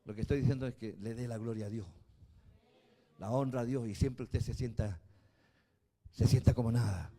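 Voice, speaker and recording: A man, a bishop preaching a sermon, who swings from quiet, slow passages to shouted emphasis. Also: mid-range voice. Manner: spells out words slowly.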